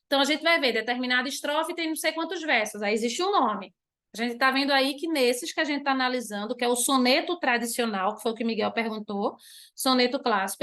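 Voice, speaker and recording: A woman's voice: high-pitched, fairly bright tone. A Brazilian woman teacher giving an online class, explaining patiently, posing questions and then answering them herself, and drawing out key words. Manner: drawn-out stressed words when demonstrating.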